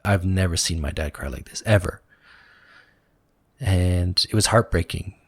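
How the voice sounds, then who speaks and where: A man's voice: sits low, a little slow, husky, no room sound. A man co-hosting a spiritual talk show, telling a personal story in an earnest, reflective way, with many fillers. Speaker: podcast co-host.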